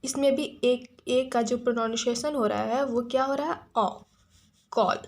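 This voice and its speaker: A woman's voice: fairly high pitch, steady tone, normal speed, a little mellow. A woman teaching a phonics lesson to young children, spelling out words letter by letter and asking the class questions. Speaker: kindergarten teacher.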